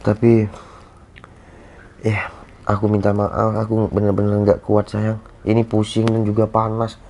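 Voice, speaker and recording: A man playing an ailing young husband who feels guilty, speaking softly and wearily as if feverish and dizzy, in an amateur skit. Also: on the low side, completely flat delivery, measured pace, vocal fry, slight background noise. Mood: weary. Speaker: sick husband.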